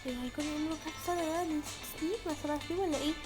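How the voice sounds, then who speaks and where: A woman plays a young policewoman in a dress-up game, speaking with an Egyptian accent. She asks calm, quick questions in a fairly high voice. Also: music in the background, lightly acted. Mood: patient. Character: young woman police officer, patient but exasperated.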